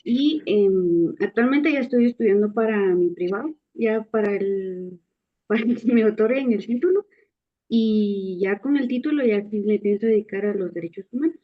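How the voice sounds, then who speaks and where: A woman's voice: medium pitch, normal speed, highs cut off. A young woman from Guatemala, a law student, introducing herself hesitantly on a video call. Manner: hesitant, light fillers.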